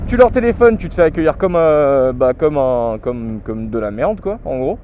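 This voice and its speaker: A man's voice: mid-range voice, sing-song, moderate pace. A young man, ranting casually in a vlog and swearing a lot. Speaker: vlogger. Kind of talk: casual chat. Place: in a car in city traffic. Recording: muffled with loud traffic noise.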